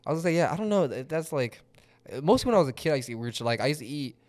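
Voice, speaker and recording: A man's voice: on the high side, animated, racing, darkish tone, no room sound. A young man chatting casually as a podcast co-host in a slangy, profane frat-bro manner. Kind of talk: casual chat.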